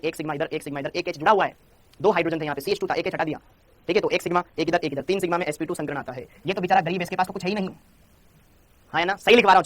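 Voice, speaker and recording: A young man teaching a chemistry lecture, repeating points and coaxing his students to answer. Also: fairly high pitch. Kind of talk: Hindi classroom lecture.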